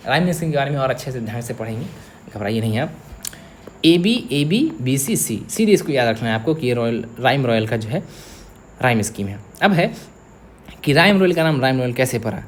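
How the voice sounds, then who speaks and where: A little hiss or hum sits under this young man's medium-pitched voice as he teaches literature for exam prep. He builds explanations step by step and keeps checking in with his students via "theek hai."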